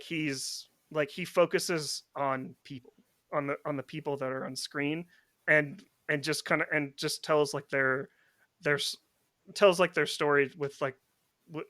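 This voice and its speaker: A man's voice: a little high, measured pace, bright, forceful tone, dry recording, studio quality. A man hosting a film podcast, talking casually with frequent restarts and "like" fillers. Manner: rambling, many restarts and "like" fillers. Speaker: podcast host.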